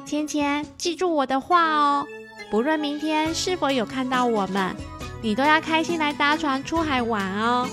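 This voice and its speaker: A woman voicing a friendly young dolphin in a children's storybook, speaking in a caring, gentle way. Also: sits high, normal speed, music in the background, close to an everyday voice. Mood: tender.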